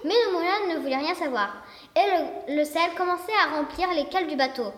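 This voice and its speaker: A woman tells a fairy tale in a high, soft voice, taking her time with each sentence. The recording sounds roomy, with a long reverb hanging after her words. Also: fairly quick. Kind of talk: storybook narration. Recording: echoey room with long reverb.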